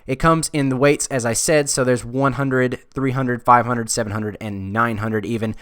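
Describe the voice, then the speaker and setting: Young man, smooth clear tone, dry close sound, relaxed, lots of uhs. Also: medium pitch, normal speed, no echo. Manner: relaxed, thinking aloud with frequent uhs. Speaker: design video creator. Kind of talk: casual screen-recorded tutorial talk.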